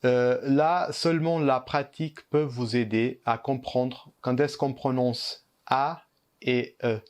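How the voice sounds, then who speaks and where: Guy teaching a language lesson, talks really slow, lots of little pauses and ums, mid-pitched voice. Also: steady tone, a little mellow. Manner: slow and deliberate, pausing with hesitant fillers. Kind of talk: explanatory lesson.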